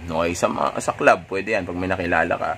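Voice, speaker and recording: A man with a Filipino accent, a dating coach, talking through tips in a casual, conversational way, often checking in with "okay?" and pausing on fillers. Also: deep voice, fairly bright tone, slight background noise. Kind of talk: casual instructional talk.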